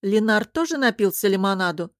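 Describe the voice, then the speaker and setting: A woman's voice: fairly low pitch, moderate pace, dry recording, studio quality, close to an everyday voice. A woman voicing a sarcastic, irritated princess. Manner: sarcastic, sharp, impatient. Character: proud, irritated young princess. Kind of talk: audiobook character voice.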